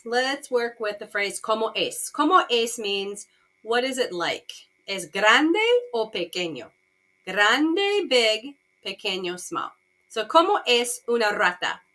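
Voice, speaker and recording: Bright, slow-speaking woman teaching a class. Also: a little high. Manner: asks students yes-or-no questions, translates each phrase. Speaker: Spanish teacher. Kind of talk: bilingual language lesson, slow and repetitive.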